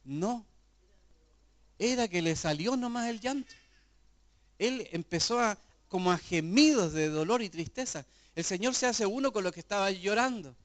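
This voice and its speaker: A man's voice: sits high, lively intonation, moderate pace. A middle-aged man preaching a sermon in an earnest, conversational way, full of rhetorical questions. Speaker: pastor.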